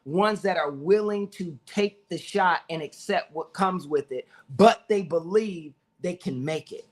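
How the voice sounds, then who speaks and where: A man's voice: high-pitched, a little slow. A man co-hosting a sports talk show, telling stories with animation and acting out his friends' lines in casual chat.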